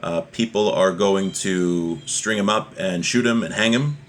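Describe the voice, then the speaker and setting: Slight background noise accompanies a man whose voice sits low and moves a little slowly. He's a religious teacher giving an informal lesson, reading aloud, explaining, and directing rhetorical questions at the listener.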